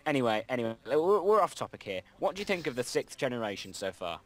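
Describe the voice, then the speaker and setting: A man's voice: mid-range voice, very animated, fast talker. Rambling young man chatting over gameplay. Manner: rambling, self-correcting, reads game dialogue aloud. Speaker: let's play host. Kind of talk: casual gameplay chat.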